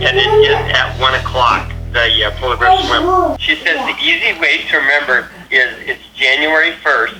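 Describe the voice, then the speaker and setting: A man's voice: medium pitch, big pitch swings, moderate pace, music in the background. Older man, roomy sound, casual call. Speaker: father of the host. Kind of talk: casual phone chat.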